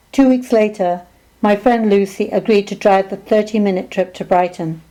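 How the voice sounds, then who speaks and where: A woman reading her own memoir aloud as an audiobook, with measured, descriptive storytelling. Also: medium pitch, mellow, low-quality recording. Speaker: author narrating her memoir. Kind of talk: scripted audiobook narration.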